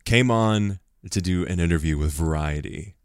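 A man co-hosting a podcast in casual chat, acting out quotes in quick asides. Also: low voice, clear, resonant tone, no echo. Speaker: podcast co-host.

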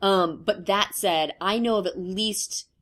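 A woman in her thirties co-hosts a podcast, chatting casually in a lowish voice that drifts into vocal fry. She speaks slowly and hesitantly, with lots of ums, and her tone is a bit bright.

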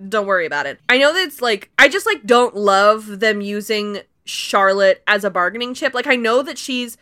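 Bright-voiced young woman recapping a show. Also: a little high. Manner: animated retelling with quick voiced quotes of characters. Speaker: podcast co-host recapping episodes. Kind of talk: casual podcast recap chat.

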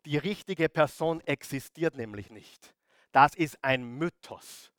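A man's voice: fairly high pitch, lively intonation, slow, a bit bright, no echo, studio quality. A middle-aged man preaching a sermon, stressing and repeating key words and firing questions at the audience.

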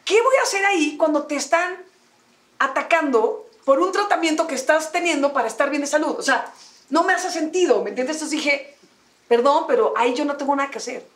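A woman with a Mexican accent, a guest telling a personal story in candid conversation and mimicking others with a high voice. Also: a little fast. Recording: echoey room.

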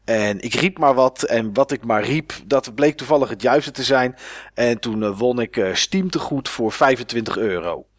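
A man co-hosting a casual podcast about games. He talks in a loose, rambling way, with lots of filler words and restarts. The recording is dry and close, with a middle-pitched voice. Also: normal speed, no room sound. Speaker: podcast co-host.

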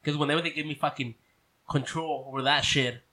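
A man's voice: a little high, fairly even intonation, brisk, pushed and bright. A young man with a Mexican accent, chatting loosely and profanely with friends on a podcast, laughing often. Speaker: podcast co-host. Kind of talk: casual chat among friends.

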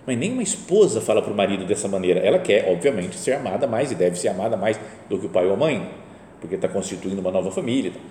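Brazilian priest preaching in an echoey hall. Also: male voice, lowish voice, animated, quick pace, mellow, a little hiss or hum. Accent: Brazilian Portuguese. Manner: conversational, frequent rhetorical tag questions. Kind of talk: sermon. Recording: echoey hall with faint ambience.

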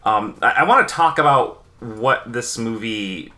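A man's voice: mid-range voice, animated, a little slow, bright, forceful tone. A man, hosting a casual podcast chat and rambling with many fillers. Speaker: podcast host.

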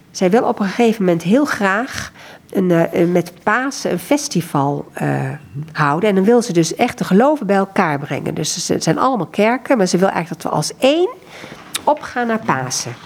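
A woman, country coordinator of a prayer group, reads a story aloud expressively and then talks about books, hesitating often when speaking freely. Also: moderate pace. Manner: reads expressively, lively pitch in quoted lines.

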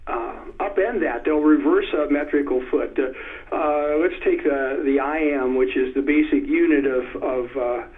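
A man with a fairly high voice explains poetry over a tinny phone line. He talks in a thoughtful, hesitant way, full of pauses and fillers. When he recites verse he slows down and stresses each beat. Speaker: poetry expert guest. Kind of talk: conversational interview.

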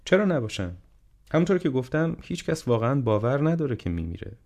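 A man voicing a gentle, wise, ailing old male professor in an audiobook, speaking calmly and reflectively. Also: medium pitch, voice pushed up. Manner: calm, reflective, unhurried counsel. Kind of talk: audiobook character reading.

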